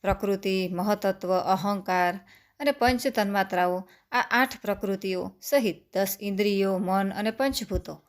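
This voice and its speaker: A woman reading a devotional scripture story aloud. Her recitation is steady and measured, and she slows down over long lists of sacred names. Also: medium pitch. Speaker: scripture reader.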